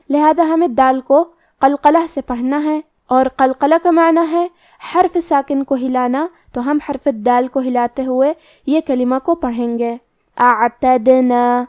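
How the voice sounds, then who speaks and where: A woman's voice: high voice, darkish tone, no room sound, studio quality. A woman with a Pakistani Urdu accent teaching tajweed, explaining each rule step by step in a methodical way. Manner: methodical, explains each rule then recites the word slowly. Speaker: Quran recitation teacher. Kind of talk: tajweed lesson explaining pronunciation rules.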